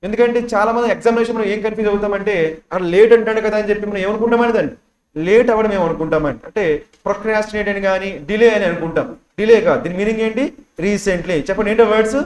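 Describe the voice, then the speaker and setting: A man with a Telugu accent teaching English for an exam, quizzing his class with constant questions and repeating key words. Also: sits high. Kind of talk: classroom lecture explaining test questions. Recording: echoey classroom sound.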